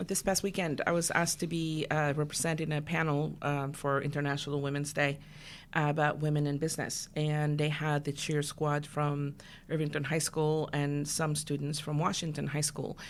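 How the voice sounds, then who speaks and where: A woman's voice: sits low, level tone, normal speed. Middle-aged woman, from Guatemala, earnest storyteller, lots of fillers. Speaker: guest, business owner. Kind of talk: casual interview chat.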